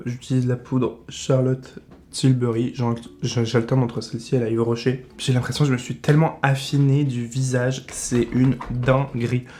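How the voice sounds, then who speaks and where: A man's voice: medium pitch, mellow. A man in his twenties with a French accent, chatting casually in a beauty vlog and giving blunt product verdicts. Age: 20s. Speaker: beauty vlogger.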